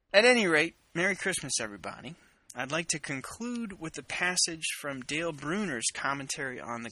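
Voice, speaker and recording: A man speaking in an erudite, professorial manner, giving a scholarly talk and reading aloud with deliberate, emphatic phrasing. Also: mid-range voice, sharp tone, breathy edge. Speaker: host of a literary and theological vlog.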